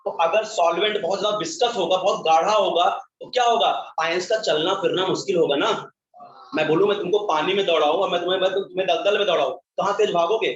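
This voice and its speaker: High-voiced male teacher in an echoey room. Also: quick pace. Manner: asks questions and answers them himself, calls students beta and bhai. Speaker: chemistry teacher. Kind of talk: classroom lecture. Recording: echoey, distant, dull classroom sound.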